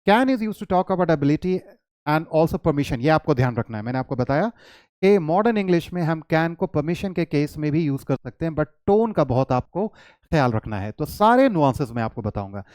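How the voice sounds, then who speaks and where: Male English teacher, explaining in Hindi, slightly high voice, dry close recording, slow stressed examples. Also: lively intonation, darkish tone, no echo. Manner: stretches English example sentences very slowly and stressed.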